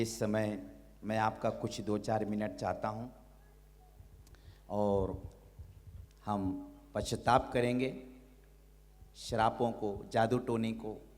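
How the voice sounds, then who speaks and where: एक पुरुष पादरी, जो उपदेश देते हुए हालेलुया दोहराते हैं और लोगों से ऊंचे, भावुक स्वर में प्रार्थना करवाते हैं।. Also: male voice, on the low side. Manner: exhorting, repeats hallelujah; leads a loud impassioned prayer. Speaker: pastor. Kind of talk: sermon. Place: church hall. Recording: long reverb of a church hall.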